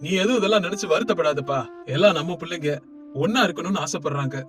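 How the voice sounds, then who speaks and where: A man voicing a kind, forgiving uncle who consoles his family gently in a cartoon dub. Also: on the high side, quick pace, soft background music, natural voice. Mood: consoling.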